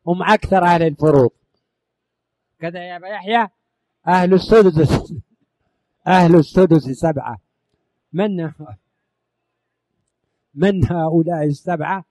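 A man's voice: sits high, darkish tone, dry recording. A man teaching inheritance law in a recited classroom style, asking questions and answering them himself, repeating lists. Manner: rising on each question, dropping at the end of lists; addresses listeners affectionately.

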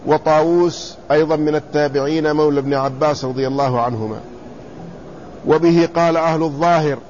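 A man teaching a lesson in classical Arabic, reading quoted commentary and then explaining it, repeating words slowly to spell out their vowels. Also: on the high side, a little mellow. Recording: slightly dull lo-fi recording with faint room noise.

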